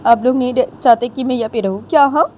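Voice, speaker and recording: A woman's voice: fairly high pitch, fast talker, darkish tone, a little hiss or hum, pitched above the performer's own voice, lightly acted. Woman voicing a defiant young woman. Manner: raised, stubborn declarations.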